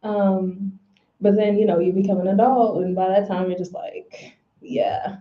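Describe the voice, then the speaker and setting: A woman's voice: medium pitch, little pitch movement, fairly quick. A woman in a casual spiritual conversation, telling personal stories openly and dropping slang into her talk. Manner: candid, storytelling with slang. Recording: roomy, dull lo-fi audio.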